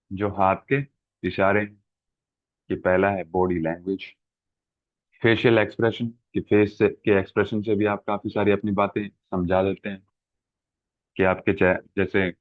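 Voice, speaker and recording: A man's voice: on the low side, dry recording. A man teaching an exam-prep lecture, explaining with everyday examples and checking in often with his listeners. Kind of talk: classroom lecture. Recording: dry, phone-like narrow sound.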